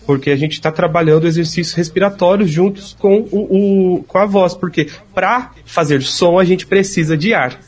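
Man, speech therapist, husky and slightly high voice, patient explainer. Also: moderate pace, few pauses. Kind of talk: explanatory interview answers.

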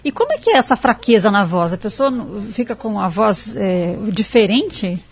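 A woman's voice: mid-range voice, very animated, normal speed, a little hiss or hum. A woman interviewer asking brief, inquisitive questions.

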